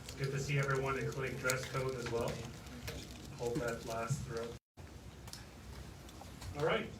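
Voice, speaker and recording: A man's voice: mid-range voice, fairly even intonation, unhurried. A man giving an informal ceremony address as clinic director, speaking plainly with some fillers. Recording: roomy, distant mic, noisy.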